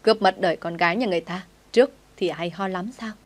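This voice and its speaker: A woman's voice: on the low side, level tone, fairly quick, close to an everyday voice. Stern scolding mother, read by a woman. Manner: reproachful, scolding. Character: stern aging mother scolding her grown son.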